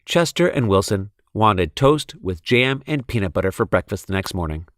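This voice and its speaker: A man reading a children's storybook in an expressive narrating style. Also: fairly low pitch, moderate pace, dry recording, clean studio sound. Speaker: storybook reader.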